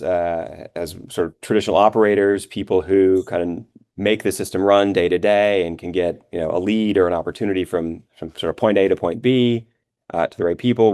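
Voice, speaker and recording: Answering questions in a business interview, a male revenue operations executive explains things in a conversational way, using filler phrases often. His voice is low, a little mellow and clean-toned, captured at studio quality with no room sound.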